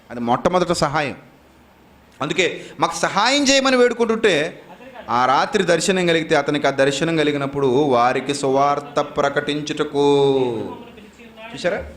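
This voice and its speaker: A man preaching a Bible class sermon, firing rhetorical questions and long repeated lists, swinging between raised emphatic lines and low quiet ones. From South India.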